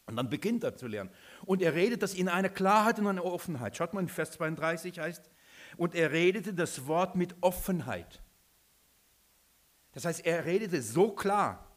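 A man's voice: high voice, expressive, normal speed. A man preaching a sermon, emphatic, repeating his points and asking the listeners questions.

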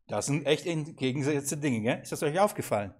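Lively seminar teacher. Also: male voice, a little high, fairly quick. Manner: lively, questioning the audience, acts out quoted lines. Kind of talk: interactive Bible seminar teaching.

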